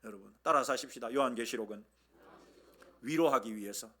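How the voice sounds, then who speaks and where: A man's voice: mid-range voice, a little fast, pushed and bright, slightly rough. A male pastor with a Gyeongsang accent, preaching a sermon in a church and leading the congregation in call-and-response with humor. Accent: Gyeongsang Korean. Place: church sanctuary.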